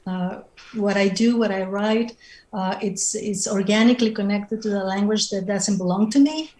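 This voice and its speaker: A native Spanish speaker from Mexico, middle-aged and with a Mexican Spanish accent, takes part as a writer in a reflective video-call panel. Thoughtful and sometimes groping for words, she speaks at normal speed in a mid-range, darkish voice, recorded with roomy video-call sound.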